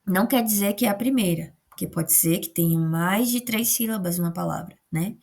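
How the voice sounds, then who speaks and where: A woman's voice: mid-range voice, fairly quick, creaky, darkish tone. A woman with a Brazilian Portuguese accent, teaching a remote lesson as a teacher, explaining patiently step by step and often checking in with short tag questions.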